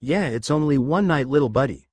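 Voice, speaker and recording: A man's voice: medium pitch, expressive, fairly quick, darkish tone, husky, no echo. A man doing a jittery slacker teen boy. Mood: worried. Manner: nervous, stammering. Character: lanky nervous teen boy, dog-loving slacker.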